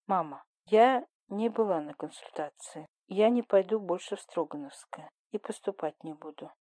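Woman doing a steady teenage girl, quiet, soothing, mellow voice. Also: on the low side, moderate pace, no echo. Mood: calm. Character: calm, resolute seventeen-year-old girl.

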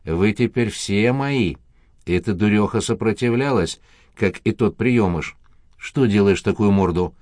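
Male reader doing a drunk, menacing husband: low, slurred, sneering. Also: unhurried, a little mellow, no echo, clean studio sound, close to an everyday voice. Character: drunken brutish middle-aged man, menacing and sneering.

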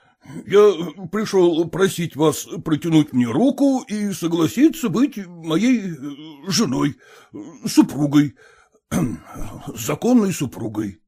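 A man putting on a stiff, ceremonious middle-aged suitor who speaks slowly and hesitantly. His voice is mellow and grand, with throat-clearing pauses in a storybook reading. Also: fairly high pitch, big pitch swings, voice pushed up, heavily acted. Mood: pompous.

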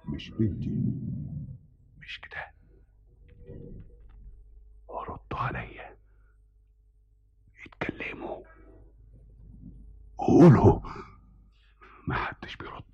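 Older Egyptian pasha father, gravelly and cracking, wild swings, slow and raving; old radio drama. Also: on the low side, huge pitch swings, warm tone, full character voice. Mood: distraught. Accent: Egyptian Arabic. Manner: broken, repeating denials, trembling. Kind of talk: 1970s radio drama acting. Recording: dull old radio recording.

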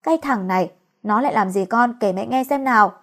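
A woman's voice: a little high, fairly quick, natural voice. A woman reading the part of an older mother who scolds her son and dotes on her daughter-in-law. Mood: scolding.

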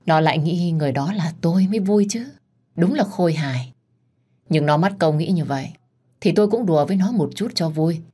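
Low-voiced woman reading a first-person story, deep and even. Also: fairly quick, husky. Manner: low voice, rises sharply for quarrel lines. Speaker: narrator.

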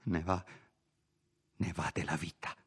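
A man's voice: low voice, steady tone, measured pace, slightly rough, heavily acted. A man doing a fretful, timid old priest. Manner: fearful, peevish, grumbling. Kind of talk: audiobook character voice.

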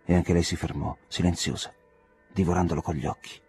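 Male audiobook narrator, deep and warm-toned, measured literary reading. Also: soft background music. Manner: measured, expressive storytelling. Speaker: audiobook reader.

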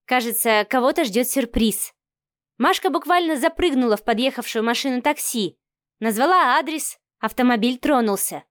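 Woman reading an audiobook, kinda high voice, super dry close sound. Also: lively intonation, normal speed, no echo. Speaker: audiobook narrator. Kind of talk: audiobook narration.

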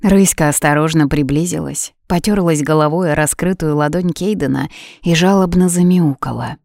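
Woman, audiobook narrator, measured expressive reading, very low voice, dry close recording. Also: creaky, no echo.

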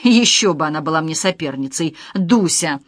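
A woman reading an audiobook, voicing a spiteful, capricious young wife with a sharp, mocking tone. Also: mid-range voice, sing-song, moderate pace, dry recording, studio quality. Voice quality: sharp, mocking, shrieking when angry.

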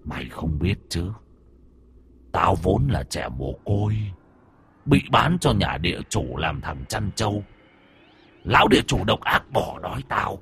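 A man voicing the vengeful ghost of a murdered orphan boy, snarling and swinging from low hisses to shrieks. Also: big pitch swings, measured pace, pauses often, fairly bright tone, exaggerated voice. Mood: bitter.

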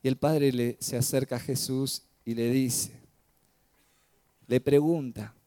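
Un pastor con acento predica un sermón narrativo y dramático, alternando entre pasajes fuertes y suaves y frenando para enfatizar. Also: male voice, medium pitch, steady tone, no echo. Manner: dramatic storytelling, swings loud and soft, slows for emphasis. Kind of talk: sermon.

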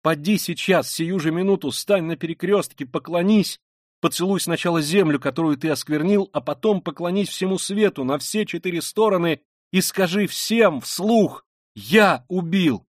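A man's voice: high voice, moderate pace, dry recording, pitched above the performer's own voice. A fervent, pious young woman who begs and implores in trembling bursts, as a male reader lifts his voice for her. The storybook reading sounds dry and close, with no room around it. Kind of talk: dramatic audiobook reading.

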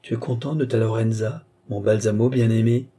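A man reading the part of a serene, entranced young woman seer who speaks calmly and softly. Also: fairly low pitch, fairly quick, close to an everyday voice. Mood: tender.

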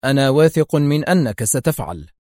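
A man reading the lines of a cool, stern male secret agent in an audiobook, calm and measured. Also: medium pitch, dry recording, clean studio sound, natural voice.

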